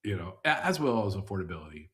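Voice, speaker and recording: A man's voice: low voice, very animated, fast, fairly bright tone. A man co-hosting a podcast, explaining data and charts in a rambling, casual way. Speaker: podcast co-host.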